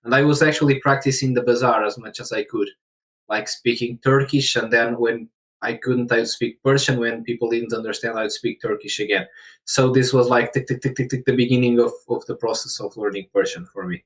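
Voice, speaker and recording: A man from Portugal guests on a podcast and talks through his travel memories in loose, chatty English. He gets animated as he goes and breaks into laughter often. His voice sits at an ordinary middle pitch. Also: brisk. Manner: animated, laughs often while telling anecdotes. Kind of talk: casual storytelling conversation.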